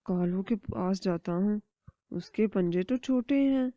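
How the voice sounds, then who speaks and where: A woman's voice: mid-range voice, warm tone, dry recording, close to an everyday voice. A woman voicing a scheming, hungry male kite bird villain in a cartoon story, muttering his plans in a growl. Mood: menacing. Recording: dry, dull lo-fi recording.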